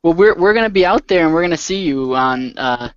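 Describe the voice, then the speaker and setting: A man's voice: on the high side, animated, fairly quick, clean tone, dry recording. A young American man hosting a podcast over a video call in casual chat. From Michigan, United States. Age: young adult. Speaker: podcast host. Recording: slightly dull video-call audio.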